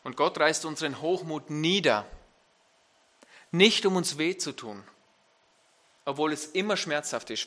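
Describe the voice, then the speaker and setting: A man preaching with a clear, bright tone that sits a little high. He keeps asking his listeners direct questions and pushes into loud, emphatic peaks as he drives his points home. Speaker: pastor. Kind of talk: sermon.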